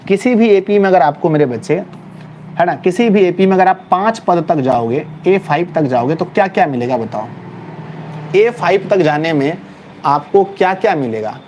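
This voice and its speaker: A middle-aged man teaching math in a classroom, in a lively, teasing way, calling his students "my child". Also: sits high, normal speed, highs cut off. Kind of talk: classroom lecture. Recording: faint background noise with passing vehicles.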